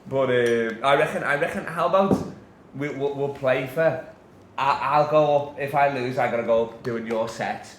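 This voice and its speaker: A man hosting a casual podcast chat, excitable and stammering over restarts, swearing freely, recorded in a comedy club after a show. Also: medium pitch, normal speed. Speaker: podcast host. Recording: echoey room with faint noise.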